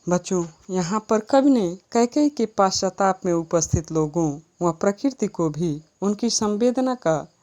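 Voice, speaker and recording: A woman's voice: mid-range voice, animated, measured pace, warm tone. A woman teacher reciting lines of verse and then explaining them plainly to her students. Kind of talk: Hindi poetry lesson explanation.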